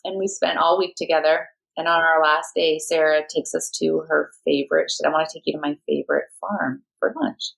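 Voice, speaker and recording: A woman with a low voice and plenty of vocal fry tells a story as a podcast guest. She talks in a lively, anecdotal way. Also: a little fast, few pauses, rough recording. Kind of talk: storytelling in conversation.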